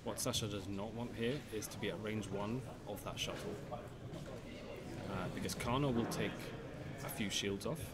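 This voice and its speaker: Male co-commentator, lowish voice, analytical, heavy crowd noise behind. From Sweden. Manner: analytical, chatty with quick asides. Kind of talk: live tabletop game commentary. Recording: loud crowd chatter of a tournament hall.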